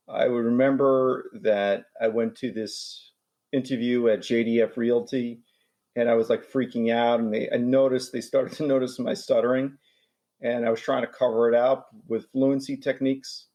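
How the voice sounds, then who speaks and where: A man in his forties from New York, USA, speaks as a guest in a casual interview. He stutters, with repeats and restarts, and his medium-pitched voice has a warm tone.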